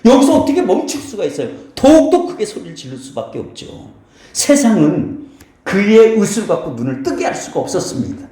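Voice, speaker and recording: Pastor with a lively, swooping voice. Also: male voice, sits high, brisk. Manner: asks the congregation rhetorical questions and answers them; keeps addressing the listeners directly and blessing them. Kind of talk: sermon. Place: church sanctuary. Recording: very echoey church hall.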